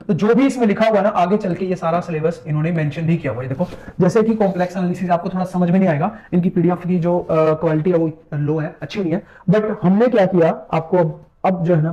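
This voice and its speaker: A man with a high, mellow voice teaches math in a casual Hindi lecture, dropping English terms throughout. He keeps urging viewers to look carefully as he goes. The sound is dull and lo-fi. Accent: Hindi, mixing English math terms. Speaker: math exam-prep teacher. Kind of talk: screen-share syllabus walkthrough lecture.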